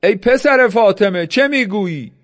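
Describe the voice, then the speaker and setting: A man's voice: a little high, sing-song, a little mellow. A man voicing the lines of a harsh, blustering enemy commander in a raised reading voice. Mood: commanding.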